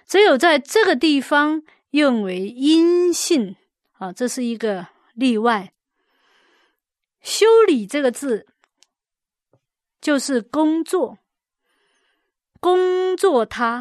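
A woman teaching a Bible word study, explaining slowly and carefully, repeating key words and adding gentle fillers as she goes. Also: high voice, no room sound, clean studio sound. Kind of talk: scripted word-study lesson.

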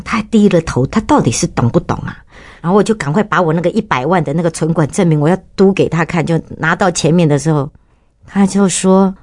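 Animated woman telling a faith story. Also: dry recording. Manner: lively storyteller, bursts into high excited pitch when reliving moments. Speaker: guest giving a testimony.

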